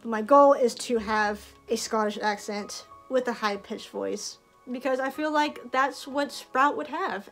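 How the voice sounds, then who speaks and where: A woman's voice: mid-range voice, vocal fry. A young woman talking casually in a vlog, chatty and full of fillers, her voice a bit tired. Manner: chatty, lots of "like", frequent laughs. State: voice tired from projecting. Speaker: festival cast member vlogger.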